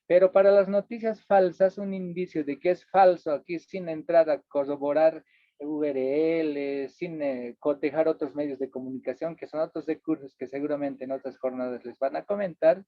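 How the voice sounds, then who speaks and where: Bolivian guy lecturing over slides, kinda high voice, tinny phone-ish audio, dry. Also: fairly even intonation, moderate pace, no echo. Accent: Bolivian Spanish. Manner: explanatory, checks in often with "¿ya?" and "¿no?". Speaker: workshop instructor.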